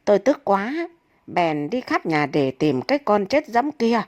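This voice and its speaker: A woman's voice: medium pitch, big pitch swings, a little slow, a little mellow. A woman voicing an aggrieved dead wife who recounts her story dramatically.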